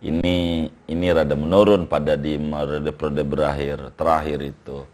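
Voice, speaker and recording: An older man, an Islamic scholar, explaining at length in a relaxed interview and reciting Arabic text aloud. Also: very deep voice, moderate pace.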